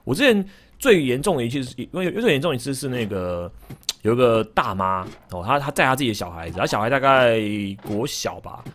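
A male game streamer with a Taiwanese Mandarin accent chats casually, his pitch rising and falling a great deal. He repeats words as he tells stories and teases his chat. Soft clicks are heard faintly behind him. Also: a little fast, slight background noise. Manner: animated storytelling with frequent stammered repeats; jokes with the chat. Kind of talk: casual livestream chat while gaming.

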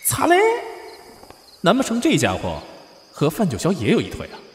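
In a costume audio drama, a man plays a flustered, brash young man posing as a prince, theatrically protesting and muttering asides. His voice is on the high side and swoops wildly in pitch, sounding panicked and baffled, with background noise behind him.

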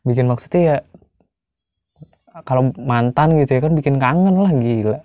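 A man's voice: mid-range voice, moderate pace, no room sound, lo-fi sound. A chatty young man, commenting on a story game and talking to his viewers. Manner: chatty, addresses viewers as friends. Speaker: gaming YouTuber.

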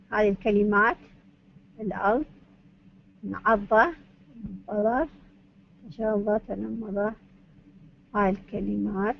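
A woman's voice: mid-range voice, creaky, a little hiss or hum. A woman giving a university lecture, going point by point and asking and answering her own questions. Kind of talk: academic lecture on Arabic phonetics. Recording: dull lo-fi recording.

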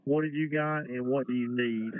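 Man, battalion officer on a two-way radio, brisk procedural calls, tinny, dry and crisp. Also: mid-range voice, steady tone, dry recording. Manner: brisk, procedural call-and-response. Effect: two-way radio transmission. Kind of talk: terse fire radio traffic.

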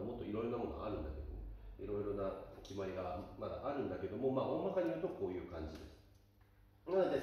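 A man's voice: deep voice, darkish tone, slight background noise. A man teaching a class, explaining patiently and often rephrasing himself with fillers. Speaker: Spanish teacher. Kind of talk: classroom lecture. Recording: very echoey room, mic far off.

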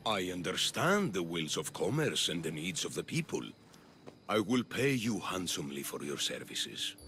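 This male actor brings a scheming, grandiose populist politician of ancient Athens to life in video game dialogue through a full character voice that is gravelly and oratorical. Pitched low, he speaks at normal speed in a sing-song, pushed, bright manner, sounding rousing and commanding. A faint hiss or hum is present.

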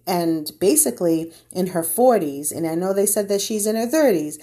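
A woman's voice: mid-range voice, lively intonation, moderate pace, mellow. A woman talking through a rambling, opinionated gossip monologue, often dropping into sarcastic, mocking quotes. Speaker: gossip vlogger.

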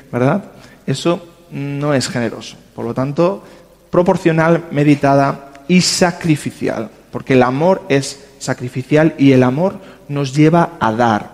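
A man teaches a church class on finances in an easy, conversational way, often pausing to check in with his listeners. His voice sits fairly high, and it rings out with a long reverb that fills the church hall. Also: darkish tone. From Spain. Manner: conversational, checks in with frequent tag questions.

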